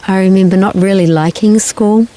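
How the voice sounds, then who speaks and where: An older woman who grew up in New Zealand, answering interview questions in a gentle, thoughtful way with pauses and restarts. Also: mid-range voice, fairly even intonation, poor audio. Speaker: guest, singer-songwriter.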